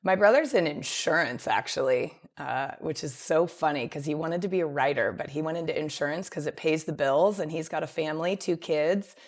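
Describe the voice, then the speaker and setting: A woman's voice: low-pitched, a little fast, hardly any pauses. A woman from Oregon as a podcast guest, talking candidly from her home and laughing easily. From Oregon, USA. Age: adult with a nephew and niece. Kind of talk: podcast interview.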